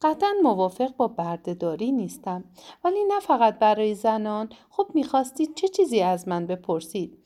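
A woman reading the lines of a blunt, self-assured woman traveler, calm and matter-of-fact. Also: medium pitch, close to an everyday voice. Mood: firm.

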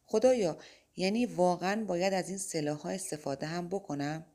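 A woman's voice: on the low side, darkish tone, natural voice. A woman voicing an anxious young man, a reluctant warrior of light, in an audiobook, with an urgent, raised, pleading delivery. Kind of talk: audiobook character voice.

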